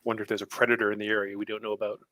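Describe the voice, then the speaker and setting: A man's voice: lowish voice, flat delivery, very fast, bright, forceful tone, dry recording. A man playing a tabletop game who muses and thinks aloud. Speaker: player. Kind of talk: casual tabletop play.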